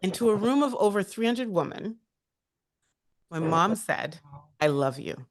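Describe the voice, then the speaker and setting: A woman speaking as a guest on a career talk, telling personal stories in an animated, heartfelt and chatty way. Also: mid-range voice, measured pace.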